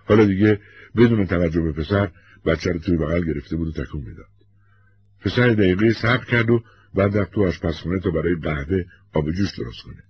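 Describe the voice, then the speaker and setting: A man narrating a story in a measured, scripted reading. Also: deep voice, lo-fi sound, a little hiss or hum.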